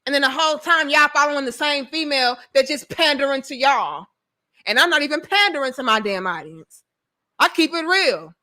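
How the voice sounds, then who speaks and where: A woman's voice: high-pitched, lively intonation, fairly quick, bright, forceful tone. A young woman with a St. Louis accent talking informally and bluntly to livestream viewers, emphatic and repetitive, with casual swearing. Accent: St. Louis, Missouri. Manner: blunt, emphatic, repeats phrases, swears freely. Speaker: livestream host giving relationship commentary.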